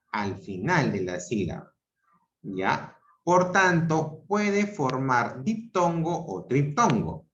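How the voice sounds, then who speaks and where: Peruvian guy teaching a zoom class, slow and lively pitch, roomy dull sound. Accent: Peruvian Spanish. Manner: slow, deliberate, repeats examples syllable by syllable; checks understanding with frequent "¿ok?" and "¿ya?". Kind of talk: online grammar class. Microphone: video call. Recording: roomy, dull video-call audio.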